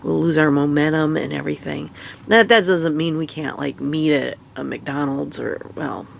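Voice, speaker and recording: A tired woman with a stuffy nose, half awake and chatting casually in a rambling, halting way. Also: sits low, creaky, a little hiss or hum. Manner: rambling, halting, many fillers and restarts. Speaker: vlogger. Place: in bed at home.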